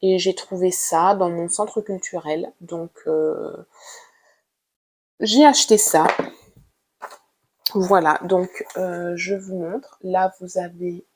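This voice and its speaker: A woman casually showing her drawing supplies in a vlog, talking gently and hesitantly with many fillers. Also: lowish voice, steady tone, slight background noise. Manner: hesitant, with frequent "euh" fillers; unhurried and gentle. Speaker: art vlogger. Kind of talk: casual show-and-tell about drawing supplies.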